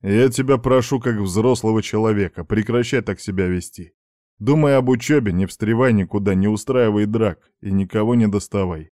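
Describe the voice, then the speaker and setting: A man's voice: lowish voice, moderate pace, darkish tone, no echo, studio quality, close to an everyday voice. A man voicing a stern middle-aged father lecturing his teenage son in a firm, reproachful way.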